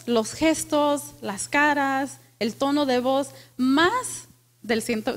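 A woman pastor preaching a lively sermon to a congregation, asking them questions and dropping in English phrases. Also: sits high. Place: church with congregation.

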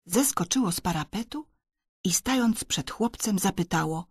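Woman narrator, husky voice, dramatic storybook reading, mid pitch, dry close sound. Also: expressive, normal speed, no echo. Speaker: audiobook narrator.

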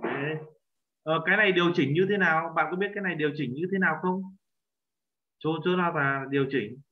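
A man leads a language lesson, patiently correcting a student's pronunciation and repeating phrases slowly. His voice sits slightly high. The recording is lo-fi and echoes around the room. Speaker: Korean language teacher. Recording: echoey, dull lo-fi room sound.

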